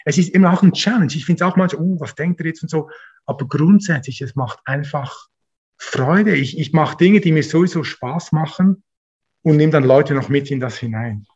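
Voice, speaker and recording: Man, pastor, earnest, restarts often, husky, slightly lo-fi. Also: a little high, normal speed, darkish tone. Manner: earnest, frequent restarts and repeated words. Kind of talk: interview, casual conversation.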